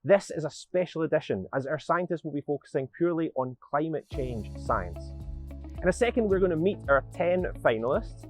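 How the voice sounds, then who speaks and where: A Glasgow man hosts an international science communication competition, presenting a script to camera with an upbeat, welcoming delivery. His voice is on the high side and animated, at a moderate pace, with soft music in the background.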